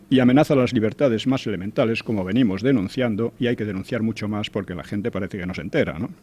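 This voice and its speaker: A man's voice: medium pitch, a little mellow. An older man giving conversational commentary as a regular guest, hesitant, with frequent restarts and tag questions.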